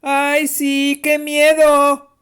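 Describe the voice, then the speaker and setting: A woman's voice: sits high, slow pace, a little mellow, pitched above the performer's own voice. A woman voicing a taunting, bossy older sister who teases her younger siblings and mimics a strict teacher, in a told story.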